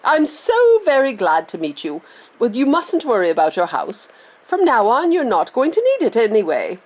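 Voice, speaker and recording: A woman voicing an eccentric, excitable male candy-maker in a storybook reading, brisk and insistent. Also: on the high side, voice pushed up. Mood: effusive.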